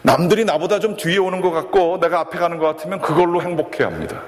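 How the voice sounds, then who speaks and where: Animated preacher in an echoing church. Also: male voice, fairly high pitch, quick pace, a little hiss or hum. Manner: storytelling, acting out a coach's shouts. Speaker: pastor. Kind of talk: sermon. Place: church sanctuary. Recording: long reverb of a church hall.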